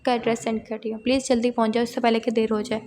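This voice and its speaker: A woman's voice: fairly high pitch, level tone, very fast, darkish tone, a little hiss or hum, natural voice. A woman reading the part of a worried young female friend who pleads, in a romance novel. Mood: pleading.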